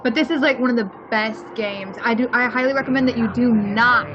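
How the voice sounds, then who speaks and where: A woman with a high-leaning voice co-hosts a let's play, talking briskly and casually with blunt opinions and plenty of swearing. Her dull lo-fi mic picks up background noise, and loud game music plays behind her.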